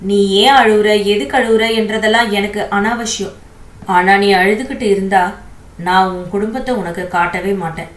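A woman's voice: medium pitch, lightly acted. A woman voicing a cold, stern young man who holds a woman captive and talks to her curtly, in a roomy recording. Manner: curt, commanding, unmoved.

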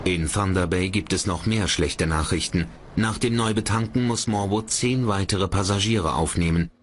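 Lower-pitched male documentary narrator. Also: normal speed, slight background noise.

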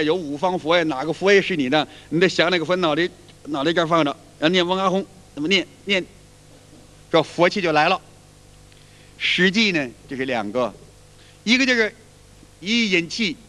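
A man's voice: high voice, a bit bright. A man giving a folksy, repetitive spoken lecture as a qigong teacher, now and then demonstrating chants aloud. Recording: reverberant hall.

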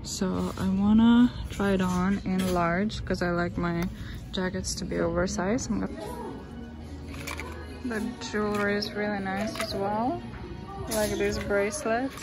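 A young woman talks through a try-on haul in a relaxed, unhurried, chatty way, gushing about the pieces she likes. She is filmed on a phone held at arm's length in a fitting room. Clear music plays under her voice. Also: mid-range voice. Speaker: fashion vlogger. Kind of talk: casual try-on haul narration.

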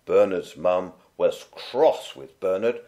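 A man reading a children's picture book aloud in a gentle, unhurried, expressive way. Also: low voice. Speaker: storyteller. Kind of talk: read-aloud children's story.

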